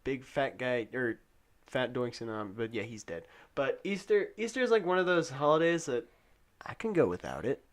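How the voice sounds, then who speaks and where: A man's voice: mid-range voice, animated, moderate pace. A young man co-hosting a casual podcast chat, rambling and filling his speech with "like", his nose stuffed up from a cold. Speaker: podcast co-host.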